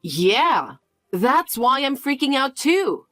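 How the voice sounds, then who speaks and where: A woman's voice: high-pitched, big pitch swings, slow pace, bright, forceful tone, no room sound, soft background music, heavily acted. A woman voicing a frantic guilt-tripping mother. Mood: anxious, pushy. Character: anxious pushy middle-aged mother. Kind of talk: dramatized story narration.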